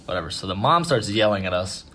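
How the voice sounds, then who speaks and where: A man with a fairly low voice telling a ghost story the way you'd tell it to friends. He is relaxed and self-mocking, with swearing thrown in. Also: quick pace, a little hiss or hum. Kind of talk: casual spoken ghost story.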